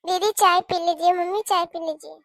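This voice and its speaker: A woman voicing a meek, polite young newlywed daughter-in-law in a cartoon, talking softly and respectfully. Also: very high voice, fairly even intonation, normal speed, no echo. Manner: soft, respectful. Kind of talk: cartoon voice acting.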